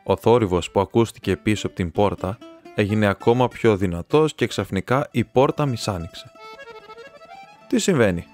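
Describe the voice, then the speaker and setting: A Greek man narrating a classic novel as an audiobook reader, steady and even. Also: fairly low pitch, soft background music. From Greece. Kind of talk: scripted narration.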